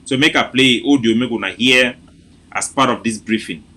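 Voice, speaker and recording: At normal speed and in a mid-range voice, this Cameroonian host delivers an informal political rundown in Pidgin English, mocking and lively as he says things over again.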